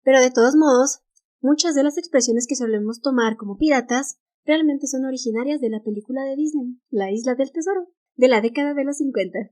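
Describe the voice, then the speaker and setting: Reading her notes aloud on a casual history podcast, a Mexican Spanish-accented woman co-host stumbles on English titles and laughs easily. She has a high voice with a darkish tone and talks briskly.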